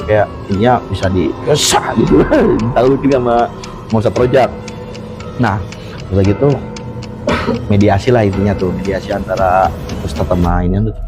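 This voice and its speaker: A man, telling a true horror story in casual chat and acting out the quotes with laughter. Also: mid-range voice. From Jakarta. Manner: animated, acts out quotes, laughs often. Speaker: storyteller guest.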